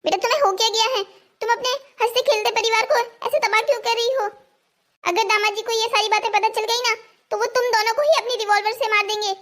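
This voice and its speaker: A woman's voice: very high voice, fairly even intonation, quick pace, fairly bright tone. A woman voicing a fussy, worried old grandmother in a cartoon story, scolding and alarmed. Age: older.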